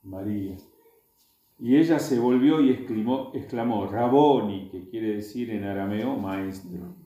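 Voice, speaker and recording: Argentine male Bible teacher, warm low-bright voice, reads then explains, very echoey room. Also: unhurried, highs cut off. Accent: Argentine Spanish. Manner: reads aloud, then stops to add plain explanations. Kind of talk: reading scripture and explaining to a group.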